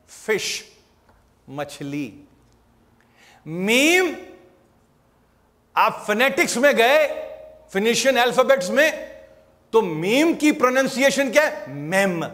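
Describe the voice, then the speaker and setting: Male scripture lecturer, high voice, slow emphatic delivery, echoing lecture hall. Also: bright, forceful tone. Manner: slow and emphatic, drawing out single letters and words. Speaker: Quran lecturer. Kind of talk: religious lecture to an audience. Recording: long hall reverb.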